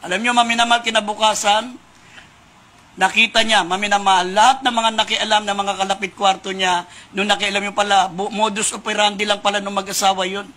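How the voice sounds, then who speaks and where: A man's voice: high-pitched, level tone, a little fast, sharp tone. A male preacher from the Philippines telling a sermon story, calling to his congregation as beloved again and again with emphasis.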